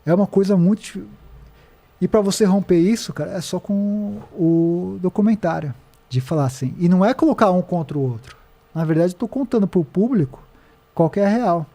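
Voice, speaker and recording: Brazilian male podcast guest, animated storyteller, slightly high, mellow voice. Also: moderate pace. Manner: animated storytelling, quoting people in passing. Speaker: podcast guest, documentary director. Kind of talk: casual podcast conversation. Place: podcast studio.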